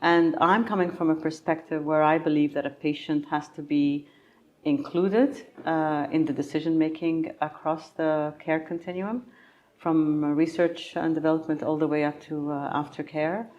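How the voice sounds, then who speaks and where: Low-voiced woman from Egypt, thoughtful. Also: fairly even intonation, a little mellow, lo-fi sound. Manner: thoughtful, many pauses and fillers. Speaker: patient advocate. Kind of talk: conference interview.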